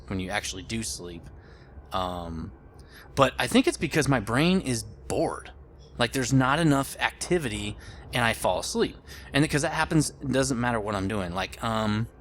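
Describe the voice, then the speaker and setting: A man's voice: fairly low pitch, a little hiss or hum. A man in his late thirties giving casual gameplay commentary, rambling and thinking aloud as he plays. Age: late 30s. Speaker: gaming video host.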